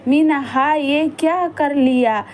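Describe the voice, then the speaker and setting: A woman's voice: sits high, slow pace, darkish tone. A woman voicing a harsh, cruel village stepmother who scolds and sneers at her stepchildren. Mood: scolding.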